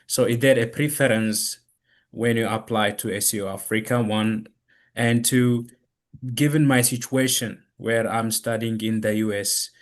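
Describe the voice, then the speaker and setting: A man from Ethiopia, a student, politely asking a question on a webinar video call with many pauses and fillers. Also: on the low side.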